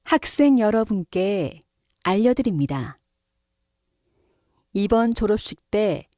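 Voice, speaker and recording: Slow, deliberate woman announcer, dry studio sound. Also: mid-range voice, dark tone, dry recording. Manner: polite, formal, carefully enunciated. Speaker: announcer reading exam listening passages. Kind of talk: scripted public announcement for a language listening test.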